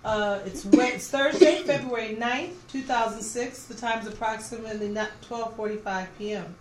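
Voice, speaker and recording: Asking the questions in an oral history interview, this woman speaks at normal speed with a voice on the high side. Background noise is clearly heard, and the room echoes.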